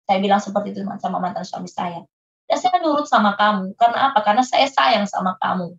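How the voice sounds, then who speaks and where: A woman's voice: mid-range voice, lively intonation, quick pace, creaky. A woman being interviewed, earnestly telling a painful personal story and acting out her past conversations. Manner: earnest, re-enacting her own past dialogue. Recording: muffled lo-fi recording.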